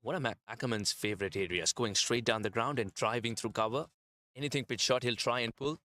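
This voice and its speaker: A man's voice: medium pitch, brisk, bright, forceful tone. A man commentating live on a cricket match, explaining tactics and bowling in detail. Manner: analytical, explains tactics at length.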